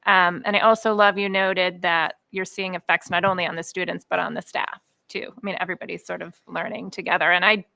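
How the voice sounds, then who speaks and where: A woman's voice: on the low side, flat delivery, a little fast, gravelly, sharp tone, no room sound. A woman on a school committee, talking in a chatty, appreciative way with many fillers at a meeting. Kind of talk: meeting discussion. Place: meeting room.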